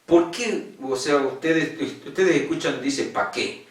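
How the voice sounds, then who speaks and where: A man's voice: fairly high pitch, slow, far from the mic. Male teacher in an echoey room. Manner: patient, repeats key words and checks understanding. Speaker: secondary school teacher. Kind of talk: online lesson explaining poetic meter.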